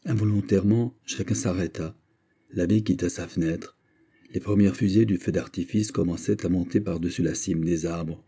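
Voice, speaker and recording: Deep, dark-toned male audiobook narrator. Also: steady tone, normal speed, husky. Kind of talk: scripted narration.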